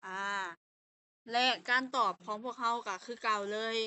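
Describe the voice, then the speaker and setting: A woman's voice: a little high, steady tone, moderate pace, sharp tone, clean tone. A young woman with a Lao accent, teaching an online language lesson and explaining step by step with patient fillers.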